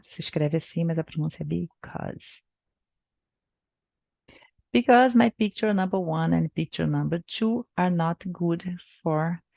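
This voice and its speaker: Slow, gravelly Brazilian woman teaching English. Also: on the low side, darkish tone, no room sound. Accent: Brazilian Portuguese. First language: Portuguese. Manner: slow, careful reading with pronunciation drills. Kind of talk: reading a book aloud and explaining it in Portuguese.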